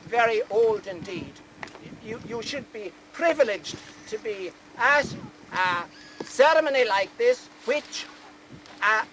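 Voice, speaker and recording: A man officiating outdoors gives a solemn ceremonial address, deliberate and pausing between phrases. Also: very high voice. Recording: noisy outdoor amateur recording.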